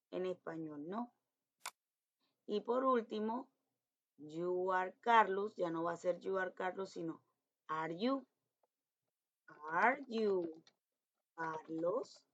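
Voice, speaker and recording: A woman who teaches English to schoolchildren, explaining grammar step by step and slowly repeating example sentences. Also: mid-range voice. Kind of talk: explaining grammar in an online lesson. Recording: dull lo-fi recording.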